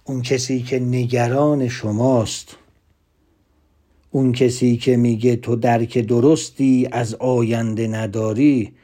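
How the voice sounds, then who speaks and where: A man giving a lively motivational talk, emphatic, swinging between loud asides and hushed whispered lines. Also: medium pitch. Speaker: motivational speaker.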